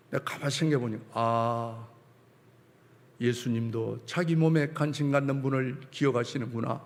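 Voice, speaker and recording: A middle-aged man, a church elder, giving an emotional testimony in a church, moving from hushed tones to loud, impassioned pleading. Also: on the high side. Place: church sanctuary. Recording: long hall reverb.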